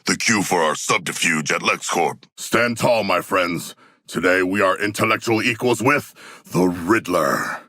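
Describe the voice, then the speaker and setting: A man playing a huge, earnest humanoid shark warrior in a video game, with a gravelly, husky voice and stilted, grandiose formal diction. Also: sits low, a little slow, sharp tone, dry recording, studio quality, heavily acted. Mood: solemn, earnest. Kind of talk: video game character voice lines.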